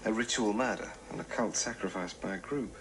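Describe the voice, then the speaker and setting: A man's voice: on the low side, brisk, close to an everyday voice. A man playing a grave, bookish mentor explaining occult matters in a TV drama. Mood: grave, careful. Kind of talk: TV drama acting. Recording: TV show audio with noticeable noise.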